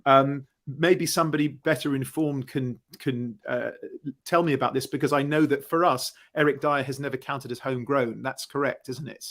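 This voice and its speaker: A man's voice: medium pitch, fairly even intonation, normal speed, fairly bright tone. A man in a casual football discussion, talking as a fan panellist, emphatic and thinking aloud with rhetorical questions.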